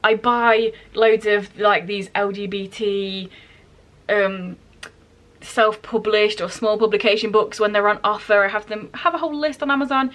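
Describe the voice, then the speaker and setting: A woman who hosts a book channel talks informally to her viewers, revising her phrasing and slipping into digressions. Her voice is medium in pitch, a bit bright, with fairly even intonation and a normal speed.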